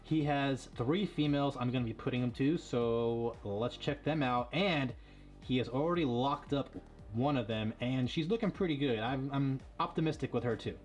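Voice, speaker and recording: A man breeding ball pythons, talking casually and quickly with lots of fillers as he shows his snakes. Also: medium pitch, a little mellow, soft background music. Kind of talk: casual vlog showing animals.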